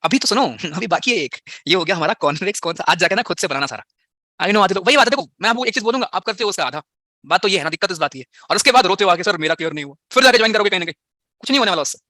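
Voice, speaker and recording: A man's voice: high voice, animated, very fast, sharp tone, dry recording, studio quality. A slightly unwell man teaching a physics class online, firing rhetorical questions at his students and mixing English into his talk.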